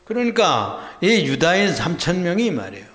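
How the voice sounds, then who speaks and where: A middle-aged male pastor preaching a Sunday sermon, retelling a story and acting out the shouts of its people. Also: sits high, big pitch swings, normal speed, a crowd in the background.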